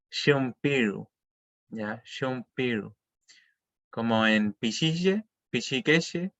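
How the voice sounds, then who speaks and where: A man's voice: mid-range voice, a bit bright, muffled recording. A man teaching an online language class, explaining patiently and checking often that students follow.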